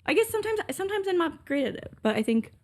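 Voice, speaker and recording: Giggly young woman with creaky voice. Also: very high-pitched, very animated, fast. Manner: giggly, chatty, trails off mid-sentence. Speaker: podcast co-host. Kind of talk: casual chat.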